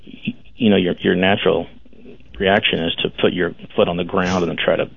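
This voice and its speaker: A man in his fifties calling in to a talk show over a crackling, distorted phone line, telling his story in a halting, dry way. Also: sits low, steady tone, gravelly, slightly rough, no echo. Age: 50s. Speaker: caller. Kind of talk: casual call-in chat.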